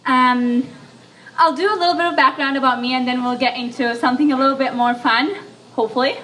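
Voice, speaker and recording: A young woman from Libya, who is sick, gives a chatty, self-deprecating speech to an audience, padded with plenty of fillers. Her voice sits high, steady, brisk and fairly bright, and it's picked up from far off the mic.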